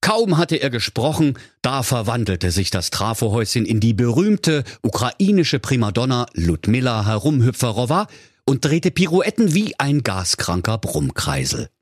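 A man narrating a comic fairy tale in a playful, expressive storytelling manner. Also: medium pitch, normal speed, dry recording, studio quality.

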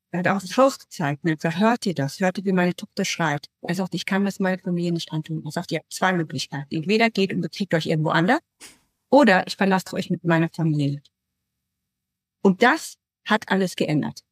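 A woman's voice: mid-range voice, no room sound. A woman from Nepal who grew up in West Papua, a guest in an interview, telling her story earnestly and at length, often restarting her sentences. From Nepal, raised in West Papua. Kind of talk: conversational storytelling.

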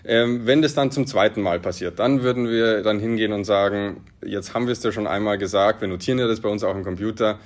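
A man's voice: on the low side, steady tone, fast, few pauses. A man who manages a golf course explains the rules in an interview, with many hesitations. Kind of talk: interview answers.

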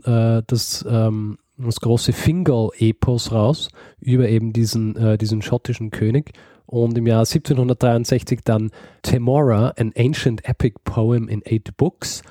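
A man with a dark, mellow voice recounts a history story on a podcast. He talks casually, pausing often and restarting his sentences. The sound is dry and close. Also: medium pitch, steady tone, dry recording. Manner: hesitant, many fillers and restarts, laughs easily. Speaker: podcast co-host.

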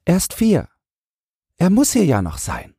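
A man reads a small, frightened boy who keeps watch over rubble, his voice pushed high and thin. He sounds timid and stubborn, grief held back, with a husky edge and swinging intonation, recorded close and completely dry. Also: wildly swooping pitch, slow pace, dry recording, exaggerated voice. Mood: timid, sad. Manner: timid, stubborn, quietly grieving. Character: frightened nine-year-old boy guarding rubble. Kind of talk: audiobook character voice.

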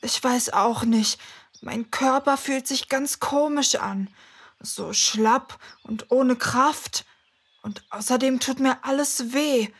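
A sick, worn-out little girl in a children's cartoon,. Her voice is very breathy and slightly high, and she drags each word slowly. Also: full character voice. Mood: weak. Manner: very breathy, slow and tired. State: sick, weak. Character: young girl sick with a cold, weak. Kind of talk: children's show acting.

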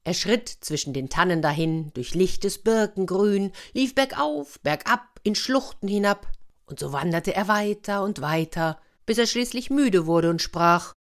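A woman with a fairly low voice tells a fairy tale to children, lively and animated. She leans in with confiding little asides as if sharing secrets with her young listeners. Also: unhurried. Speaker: storyteller.

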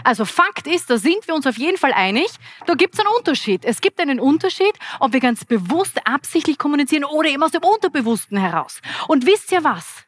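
Lively Austrian woman trainer on stage. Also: high voice, fast talker, few pauses, no echo. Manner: lively, energetic, addresses the audience directly. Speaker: business trainer and keynote speaker. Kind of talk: interactive keynote talk. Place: event hall with live audience.

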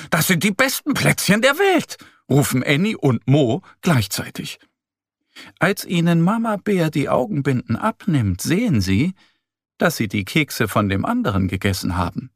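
Slow, lively storyteller man. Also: a little high, no room sound, clean studio sound. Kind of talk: children's story narration.

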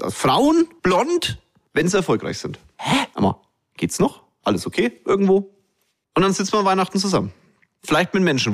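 A man hosting a podcast, talking straight to his listeners in a blunt, colloquial monologue. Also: fairly high pitch. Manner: addresses listeners directly. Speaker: podcast host.

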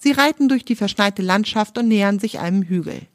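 A woman's voice: medium pitch, fairly quick, no room sound, clean studio sound. A woman from Germany, hosting a children's podcast, reading a story aloud and talking directly to the young listener in a friendly way.

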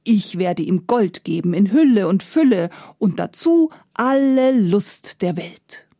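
A woman's voice: mid-range voice, animated, takes it slowly, warm tone, dry recording, studio quality. A woman voicing the Devil as a coaxing, limping male tempter in a storybook tale.

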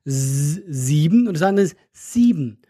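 A co-host with a Swiss accent and a slightly husky voice, talking casually. They explain things patiently and answer back with playful comebacks. The recording is close and dry. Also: mid-range voice, expressive, unhurried, mellow, no echo. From Switzerland. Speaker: podcast co-host. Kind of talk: casual chat.

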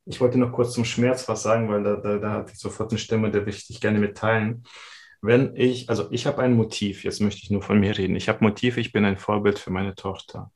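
A man talking as a podcast guest, animated and quick in bursts, in casual conversation. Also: lowish voice.

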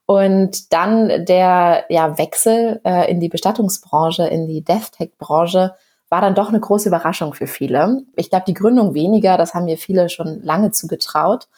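A woman in her thirties, a founder being interviewed, talking in a relaxed, chatty way and sometimes searching for words. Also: lowish voice, normal speed. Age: 30s. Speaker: startup founder guest. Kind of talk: casual interview.

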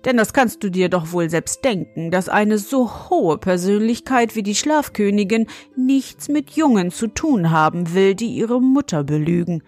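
A woman's voice: medium pitch, lively intonation, unhurried, few pauses, darkish tone, faint music behind, close to an everyday voice. A woman voicing a small, stern grey old forest gnome in a storybook reading, with a thin, fine voice and a scolding, proud manner. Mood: wistful.

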